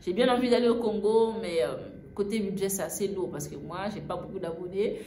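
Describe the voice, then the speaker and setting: A young woman from Gabon tells a travel story in a loose, chatty way, dotting her sentences with hesitations and fillers. Her voice sits at an ordinary middle pitch for a woman. The room gives it a noticeable echo, with a faint hum of noise in the background. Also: brisk, warm tone. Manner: chatty, frequent fillers and "en fait". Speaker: vlogger telling a travel story. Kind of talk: casual storytime narration.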